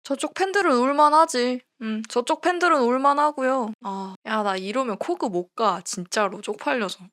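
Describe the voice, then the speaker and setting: A woman streaming a live football match reaction, talking emotionally, swearing often and yelling at the players. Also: a little high, moderate pace, dry recording, clean studio sound.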